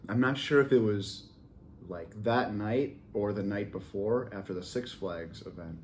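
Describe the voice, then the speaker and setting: A man's voice: lowish voice, measured pace, slight background noise. A young man with a Wisconsin accent telling wry stories in a casual chat with a bandmate. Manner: laid-back, wry storyteller. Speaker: college band member.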